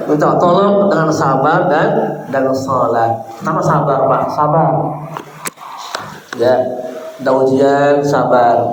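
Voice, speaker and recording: A man giving a sermon in a conversational way, putting questions to the congregation and often addressing them as sir. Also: medium pitch. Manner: keeps addressing listeners as sir. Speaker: preacher. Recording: echoey hall with faint background noise.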